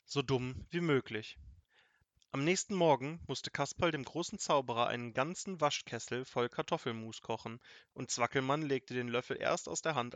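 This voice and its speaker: A man narrating a children's story aloud in a lively, expressive way. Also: mid-range voice, no echo. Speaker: audiobook narrator.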